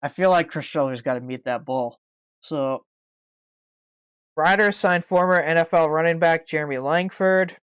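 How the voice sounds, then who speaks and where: A man's voice: a little high, normal speed, fairly bright tone, clear, resonant tone, no room sound. A man hosting a casual sports podcast, reading through news items and then riffing on them. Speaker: podcast host.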